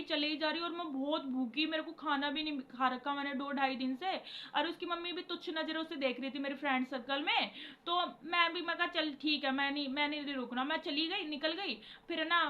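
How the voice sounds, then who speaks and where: High, bright young woman telling her story. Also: lo-fi sound. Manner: rambling, emotional, repeats herself often; addresses viewers as guys. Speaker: vlogger. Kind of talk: casual personal storytelling to camera.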